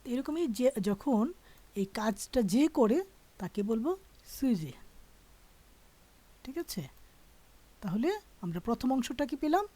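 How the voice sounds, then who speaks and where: A woman's voice: fairly high pitch, mellow. Patient woman teaching grammar. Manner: patient, explains step by step, often asks "all right?". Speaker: French teacher.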